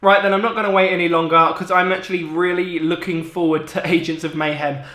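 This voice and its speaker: A man's voice: fairly high pitch, level tone, a little fast, bright, forceful tone. A British man in his twenties chatting informally as a gaming vlogger, explaining things casually in a very echoey room at home. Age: 20s. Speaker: gaming video creator. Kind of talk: casual vlog chat. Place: echoey room in parents' house. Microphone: on-camera shotgun mic.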